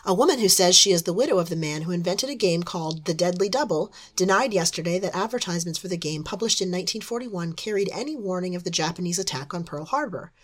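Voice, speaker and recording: A woman with a Midwestern accent voicing a smoky-voiced 1960s TV news reporter, reading in a measured newsreader manner. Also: fairly low pitch, expressive. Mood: formal.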